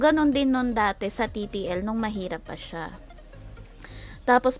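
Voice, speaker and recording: Animated Filipino woman streamer, laughing often. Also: fairly high pitch. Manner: animated, teasing, quick to laugh. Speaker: game streamer. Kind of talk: casual livestream chat.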